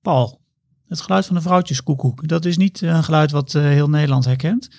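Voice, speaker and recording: A man's voice: a little high, brisk, a little mellow. A man hosting a podcast who links the segments and hesitates with filler sounds. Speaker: podcast host. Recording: noisy, gravelly recording.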